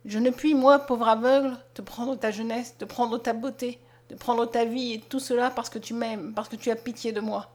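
Woman reading a soft-spoken blind young man. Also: fairly even intonation, moderate pace, few pauses, natural voice. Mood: tender. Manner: soft, low and tender. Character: gentle blind young peasant man, sorrowful. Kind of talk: audiobook character reading.

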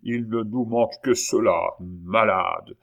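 A man's voice: on the low side, slow, muffled recording. A man reading an audiobook and voicing an irascible old aristocratic father who scolds and exclaims. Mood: grumbling.

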